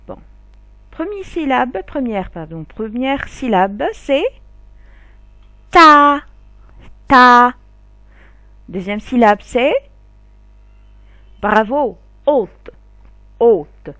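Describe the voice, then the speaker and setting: A woman teaching a phonics lesson to children, sounding out and repeating each syllable loudly and slowly. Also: on the high side, sing-song, no echo.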